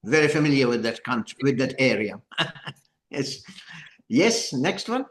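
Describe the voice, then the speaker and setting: An older man opening a training session for a group, speaking deliberately and haltingly with repeated words. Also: medium pitch, big pitch swings, fairly bright tone, a little hiss or hum. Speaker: former judge giving a training session. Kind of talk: informal lecture opening, addressing a group. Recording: echoey room.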